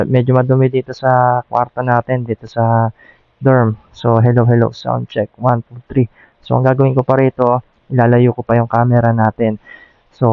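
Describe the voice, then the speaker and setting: This product-reviewing motovlogger has a medium-pitched voice without echo and a Filipino accent, speaking informally in a vlog-style demo. He records on a Bluetooth intercom inside his motorcycle helmet, so the sound is dull and the noise loud.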